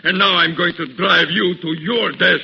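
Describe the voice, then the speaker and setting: Sly hypnotist villain, gravelly, fairly high voice, muffled old radio broadcast. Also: male voice, fairly even intonation, moderate pace, slight background noise. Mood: scheming. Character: sinister male hypnotist villain, cunning. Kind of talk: 1940s radio acting.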